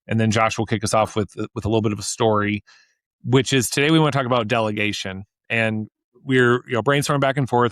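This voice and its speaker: In his thirties, this podcast co-host chats casually in an enthusiastic, rambling style, often restarting his sentences. His medium-pitched voice is captured cleanly in a studio with no echo.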